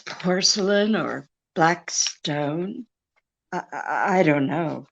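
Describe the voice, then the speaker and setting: A woman's voice: on the low side, expressive, takes it slowly, vocal fry, full character voice. A woman playing a seductive, lying femme fatale in a radio detective drama, with a sultry, world-weary manner. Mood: weary, evasive. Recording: dull lo-fi radio recording.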